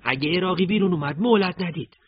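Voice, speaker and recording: A man's voice: high-pitched, highs cut off, a little hiss or hum, voice pushed up, close to an everyday voice. A man reading a story aloud and voicing a reckless, fierce male commander with an Isfahani accent who barks orders. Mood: commanding. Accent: Isfahani Persian. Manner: barking orders, shouting.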